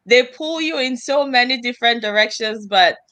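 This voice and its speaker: Young woman from Cameroon, guest on a live video chat, bright voice, dry close sound, friendly, repeats words. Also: a little high, normal speed, no room sound. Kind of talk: live online interview.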